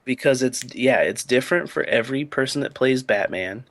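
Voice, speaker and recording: With a little hiss or hum in the background, a man co-hosting a podcast talks briskly in a medium pitch. His chatter is easygoing and rambling, packed with "like" and "you know."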